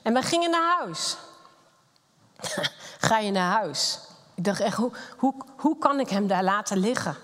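A woman's voice: medium pitch, animated, unhurried, long pauses, fairly bright tone. A middle-aged woman giving a candid, blunt and emotional personal testimony. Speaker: speaker sharing a personal testimony. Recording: long hall reverb.

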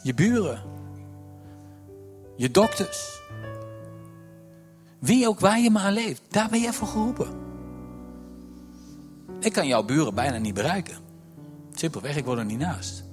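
A man preaching a sermon in an animated way, dropping to a hush and then rising to near shouts as he acts out the story's voices. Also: fairly high pitch, unhurried, long pauses, soft background music. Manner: animated, swings from hushed to loud, acts out voices of God and Moses.

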